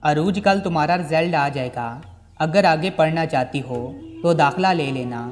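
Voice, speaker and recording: A man's voice: on the high side, normal speed, close to an everyday voice. A man voicing a protective young husband in a storybook reading, with an earnest, pleading manner. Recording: long reverb with background music.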